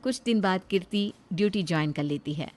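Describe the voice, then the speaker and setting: A woman narrating a moral story in even, scripted storytelling. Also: fairly low pitch, a little fast.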